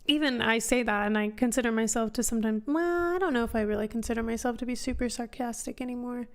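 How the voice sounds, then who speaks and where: Smooth-voiced woman chatting on a stream. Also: fairly high pitch, fast talker. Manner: chatty, rambling, answers chat questions aloud. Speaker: streamer hosting a book club. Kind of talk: casual live-stream chat. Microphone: headphones on, desk mic.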